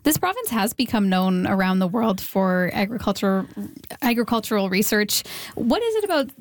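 A woman hosting a radio interview, reading intros and asking questions in a clear, measured way. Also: mid-range voice, very animated. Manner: clear, measured scripted delivery. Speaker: radio host.

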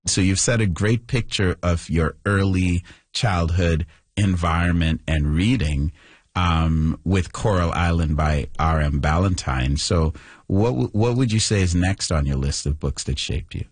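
Man, interviewer, very deep voice, husky, dry close sound, enthusiastic. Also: unhurried, no echo. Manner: enthusiastic, gives short backchannel hums.

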